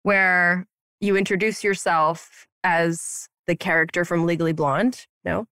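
Clean, echo-free studio audio captures a Romanian woman in her thirties, a dental hygienist running her own practice, in casual podcast chat from her upstairs office. Her lowish voice is steady, unhurried, fairly bright, clear and resonant, and she playfully sprinkles in slang and "like."

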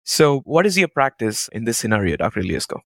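A young man co-hosting a medical podcast, who summarizes the guest's points appreciatively and presents a clinical case clearly. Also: mid-range voice, big pitch swings, fast, a bit bright, no echo. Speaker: podcast co-host, cardiology fellow. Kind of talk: podcast interview.

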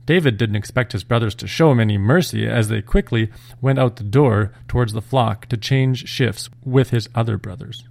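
A man hosting and gently reading a scripted story aloud at a measured pace. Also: medium pitch, creaky, dry recording. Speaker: storyteller and podcast host.

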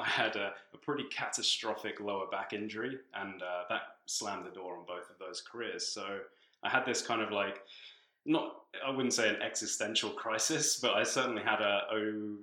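A chatty British man, born in England and brought up in Tanzania, speaks as a strength coach guest in a casual podcast interview from an echoey room. His accent has shifted from years abroad, and he talks easily with lots of fillers and laughs between phrases. His voice is lowish at a normal speed.

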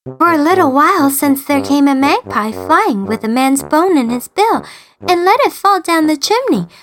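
A woman doing a high sweet coaxing princess. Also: sing-song, moderate pace.

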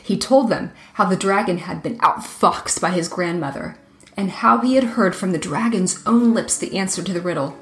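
A woman's voice: on the low side, normal speed, echoey room. Woman reading a folk tale aloud. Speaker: storyteller. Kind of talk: storybook narration.

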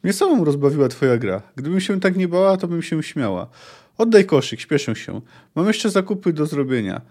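A bitter, proud young apprentice woman in an audiobook-style reading, as a man reads her lines. Her delivery is reproachful and pointed, and the voice sits a little high. She is sharp-tongued rather than timid. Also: sing-song, normal speed. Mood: wry.

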